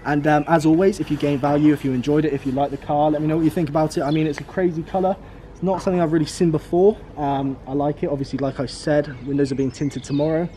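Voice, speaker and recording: A man's voice: on the high side, steady tone, quick pace, dark tone, a little hiss or hum. A British man in his twenties gives an upbeat, casual motivational vlog outdoors, repeating his key numbers. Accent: British English. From United Kingdom. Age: 20s. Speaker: vlogger. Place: outdoors beside a car.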